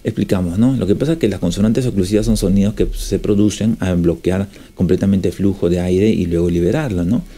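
A man's voice: low-pitched, brisk, few pauses, warm tone. A man, an exam prep tutor, chatty and constantly adding tag questions as he works through exam answers. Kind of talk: lesson solving exam questions.

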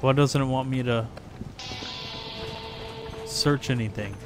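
A man gives offhand live commentary on a video game, loose and rambling, with the odd curse dropped in. His voice sits at an ordinary pitch. Game music plays clearly behind him. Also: slow pace. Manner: loose, rambling, swears casually. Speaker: live-streaming gamer. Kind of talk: casual gameplay commentary.

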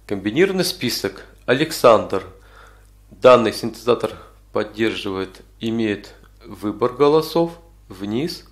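Low-voiced man giving a software tutorial. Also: expressive, a little slow. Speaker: tutorial instructor. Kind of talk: informal spoken software walkthrough.

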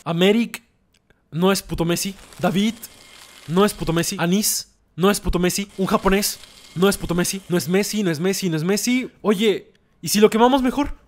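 A young man streaming from a small room into a boom mic, sarcastic and hyper, swearing a lot and calling everyone bro. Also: normal speed, a little hiss or hum. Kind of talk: comedic vlog. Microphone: desk boom mic.

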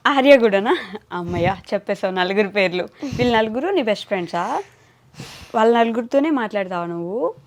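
A woman's voice: mid-range voice, expressive, fairly quick, darkish tone. A young adult woman interviewing a young guest in a playful, teasing way. She chats loosely and laughs often.

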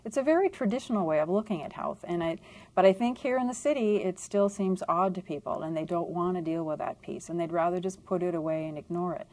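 A woman's voice: fairly low pitch, fast, a little mellow. A woman in her fifties, a clinic doctor, speaking earnestly in a documentary interview in her office. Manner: earnest, reflective.

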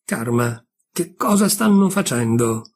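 Guy reading as a laughing young god, soft husky voice, story reading. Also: mid-range voice, sing-song, unhurried, exaggerated voice. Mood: playful. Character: young cheerful male god, playful and gentle.

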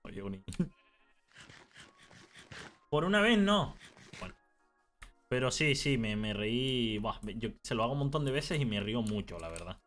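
Faint music sits under this young man's medium-pitched voice as he plays a game on stream. His Canarian accent colors the casual, teasing chat, and he tells stories animatedly with rapid changes of mood.

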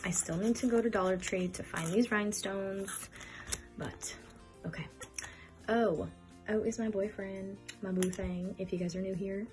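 A woman's voice: mid-range voice, steady tone, normal speed. Chatty young woman counting cash. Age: 20s. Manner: chatty, counting bills aloud, easily flustered. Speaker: budgeting vlogger. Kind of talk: casual cash-stuffing vlog. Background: background music.

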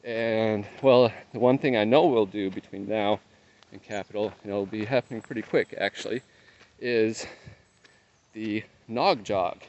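A man's voice: lowish voice, a little slow, darkish tone. A man in his thirties talking casually to his phone while out on a long run, giving a vlog update. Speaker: trail running vlogger. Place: outdoors on a trail in open nature reserve. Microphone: phone held at arm's length. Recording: muffled lo-fi outdoor phone audio, noisy.

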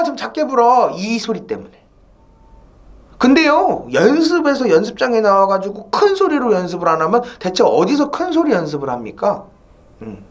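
Lively saxophone teacher, woman. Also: medium pitch. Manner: asks rhetorical questions, many "eo" and "mwo" fillers. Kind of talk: spoken video lesson.

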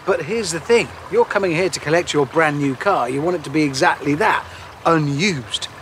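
A man's voice: on the high side, moderate pace, slight background noise. An English man in his forties presenting on location at a factory, enthusiastic and playful. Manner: enthusiastic, playful, easily excited. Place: outdoors at a rail yard and inside a large factory hall.

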